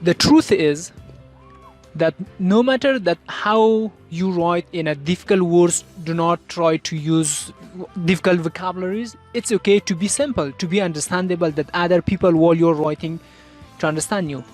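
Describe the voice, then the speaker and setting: An interviewer leads a casual group chat, encouraging the others and offering simple, practical advice. The voice sits at a middle pitch, with quiet music underneath. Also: normal speed. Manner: encouraging, gives simple advice, laughs along.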